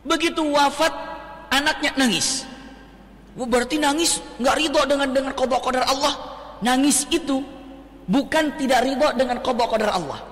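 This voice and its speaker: A man preaching a sermon, telling stories with feeling, quoting Arabic and putting questions to his listeners. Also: very high voice. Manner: animated storytelling, quoting Arabic, questioning the audience. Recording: long hall reverb.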